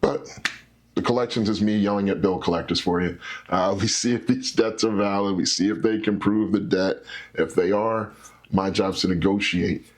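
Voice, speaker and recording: A man who works as a credit specialist, a guest in an interview, explaining things simply with stories and animated little scenarios. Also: fairly low pitch, moderate pace. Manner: animated, teacherly, acts out scenarios.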